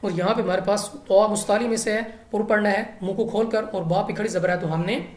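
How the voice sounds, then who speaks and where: A woman's voice: mid-range voice, fairly even intonation, a little fast. A woman teaching Quran recitation rules in a patient, step-by-step way. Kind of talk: recitation lesson. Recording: echoey room.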